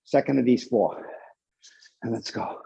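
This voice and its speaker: A man's voice: medium pitch, a little slow, vocal fry, warm tone. A man instructing a spin class while cycling hard himself, out of breath and calling out motivational cues. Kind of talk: motivational indoor cycling coaching. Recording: dull, muffled lo-fi class recording.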